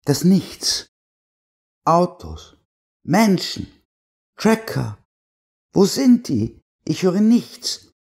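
A man voicing a frightened young wife who pleads with her husband, raising his voice high and near tears. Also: big pitch swings, brisk, a little mellow, breathy edge.

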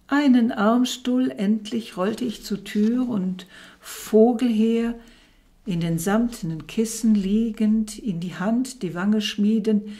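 A woman giving a theatrical poetry recitation, building to loud, impassioned outbursts. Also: medium pitch, vocal fry.

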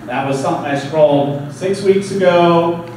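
A man in his forties doing halting, rambling stand-up, awkwardly bombing with his jokes on a small coffee shop stage. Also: on the high side, darkish tone. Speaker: stand-up comedian. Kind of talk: stand-up comedy to a small crowd. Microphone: handheld stage mic heard from far camera. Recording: echoey room, distant camera, background noise.

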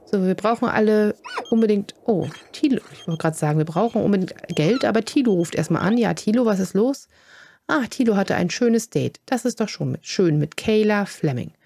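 A woman's voice: medium pitch, lively intonation, a little fast, gravelly, mellow, slight background noise. A woman hosting a casual gaming let's play, chatting along as she plays and cooing fondly at the animals. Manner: coos fondly at her game animals.

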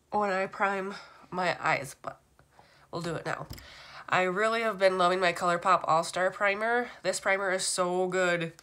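A woman's voice: mid-range voice, fairly bright tone, a little hiss or hum. A woman in her thirties with a stuffy nose from a cold, chatting casually through a makeup tutorial. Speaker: beauty vlogger. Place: small room at home.

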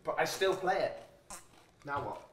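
A man streaming a casual group chat, joking around and breaking into loud laughs. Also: fairly high pitch, lively intonation, unhurried, roomy sound, a little hiss or hum.

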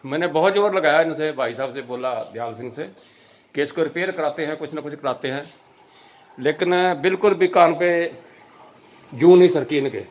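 A man's voice: a little high, normal speed. A man with a Punjabi accent giving a walking report outdoors at a village house, earnestly pointing things out and repeating himself, recorded on the camera mic. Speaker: social video reporter.

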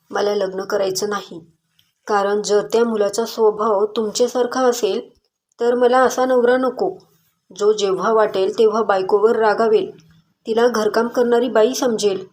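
A determined young woman in a storybook, standing her ground with firm, earnest words, as a woman narrator voices her. The pitch sits in the middle range for a woman. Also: darkish tone, lightly acted.

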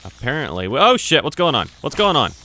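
This gamer's voice sits on the high side, very animated and fast. He's a young man doing relaxed let's-play commentary on camera, chatting away, reading the game's text out loud, and swearing and yelping loudly whenever something startles him.

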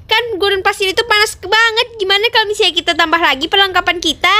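A woman voicing a cheerful, excitable boy who plays a game with his little sister and keeps crying out in surprise. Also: extremely high pitch, fast talker. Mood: excited. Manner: excitable, frequent exclamations. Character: cheerful excitable boy, big brother gamer. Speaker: older sibling playing a game. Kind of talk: playful game-play voice acting.

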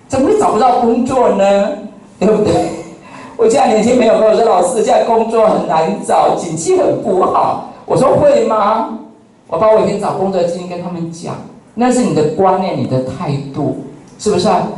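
A man with a Taiwanese Mandarin accent tells lively stories to a company audience and keeps asking them questions. His voice sits high for a man. The echo of a large hall surrounds him, and he sounds far from the mic. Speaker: motivational speaker. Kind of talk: lively storytelling lecture. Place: company lecture room.

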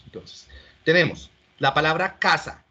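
A man's voice: a little high, animated, unhurried, sharp tone, husky. A man teaching an online class, explaining step by step and questioning his students. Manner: explanatory, asks students questions, frequent restarts. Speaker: lecturer. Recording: dull lo-fi audio.

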